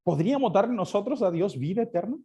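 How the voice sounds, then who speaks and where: Lively man teaching a church class. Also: sits high, fast talker, slightly rough. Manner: asks the class questions and answers them himself. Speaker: Sunday school teacher.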